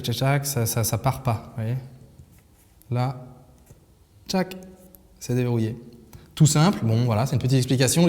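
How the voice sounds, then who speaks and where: A man talks viewers through a phone demo in a relaxed, chatty way, with frequent fillers and restarts. His voice is dark and mellow. A long reverb trails his words. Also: mid-range voice. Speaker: tech video host. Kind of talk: casual product demo.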